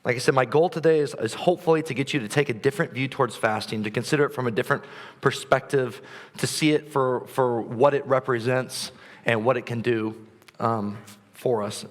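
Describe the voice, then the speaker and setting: Speaking fairly quickly in a mid-range voice, a man preaches in a loose, chatty style, excited and playful, with fillers and false starts along the way. It's an informal sermon recorded in a church sanctuary, where long hall reverb hangs on every word.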